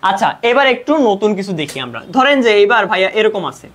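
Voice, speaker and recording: Young bangladeshi guy tutoring math, talks quick, keeps asking then answering himself. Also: high voice, sing-song, a bit bright. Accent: Bangladeshi Bengali. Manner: explains step by step, asks and answers own questions; mixes English math terms into Bengali speech. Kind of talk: casual online math lesson.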